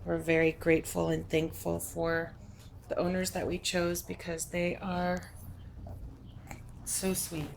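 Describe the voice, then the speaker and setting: Woman, slow relaxed pace, casual home vlog, sing-song baby talk to puppies, handheld phone, faint background noise. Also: fairly low pitch, gravelly. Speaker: dog breeder. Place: home puppy room, indoors.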